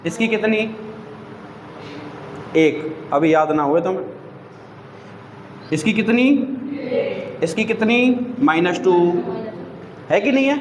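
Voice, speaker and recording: A man's voice: high-pitched, a little hiss or hum. A male teacher, quizzing students with repeated questions as he explains a chemistry lesson. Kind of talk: classroom teaching in Hindi. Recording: echoey room with long reverb.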